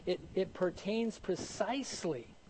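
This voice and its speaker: A man preaching a Bible study sermon, animated and conversational, often asking the congregation questions and answering them himself. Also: sits high, a little slow, a little hiss or hum, poor audio. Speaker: pastor teaching Bible study.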